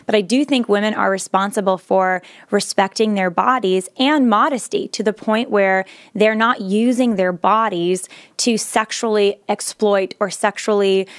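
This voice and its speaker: A woman's voice: medium pitch, no echo. A woman speaking earnestly, now and then restarting with fillers. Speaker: speaker sharing her views. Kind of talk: earnest monologue.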